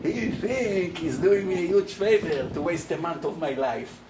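A rabbi from Israel giving an animated Torah class, acting out the people he quotes and asking rhetorical questions. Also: fairly high pitch, normal speed. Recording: roomy, far off, loud air conditioning hum.

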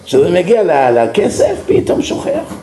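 A man's voice: sits high, roomy sound, a little hiss or hum. A man lecturing as a rabbi, telling stories and asking rhetorical questions to his listeners. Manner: animated storytelling with rhetorical questions. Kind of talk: religious lecture.

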